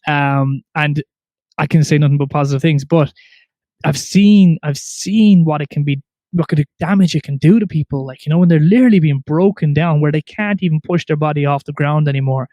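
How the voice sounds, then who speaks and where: A man's voice: on the high side, fairly quick, dark tone, no echo, muffled recording. A man hosting a podcast, talking emphatically and repeating his phrases, with plenty of "yeah"s. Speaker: podcast host. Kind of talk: casual interview chat. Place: podcast studio.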